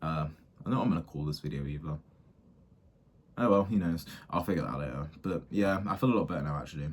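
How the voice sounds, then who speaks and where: A man, a small business owner thinking out loud in a casual, rambling way, full of fillers and restarts. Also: rumbling low, fast. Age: 20s. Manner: rambling, self-interrupting, many fillers.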